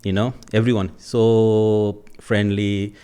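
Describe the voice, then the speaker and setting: A man in his forties from Bangladesh, a native Bengali speaker, talking as a podcast guest in a thoughtful, relaxed conversational way. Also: on the low side, slow pace, smooth. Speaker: podcast guest, agile coach. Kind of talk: casual interview conversation.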